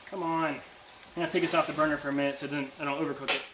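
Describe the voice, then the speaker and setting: A man's voice: fairly high pitch, flat delivery, rapid-fire. A man chatting casually on a cooking livestream in a playful, teasing manner with bursts of silliness. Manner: playful teasing, bursts of silly sing-song. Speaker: live streamer cooking. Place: indoor kitchen. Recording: echoey room, background noise of cooking.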